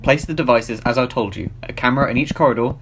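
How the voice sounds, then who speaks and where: A man's voice: mid-range voice, quick pace, noisy background, natural voice. A man playing an exacting professor who directs a covert spy mission in formal, precise briefings. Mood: focused, instructing. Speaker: mission controller. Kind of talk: scripted dramatic acting in a spy film. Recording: background music under the voice.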